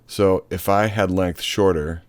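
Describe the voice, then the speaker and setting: A man's voice: low-pitched, steady tone, unhurried, no echo. A man giving a loose, chatty hands-on synth tutorial, cracking offhand jokes and the odd swear word. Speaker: synth module demonstrator.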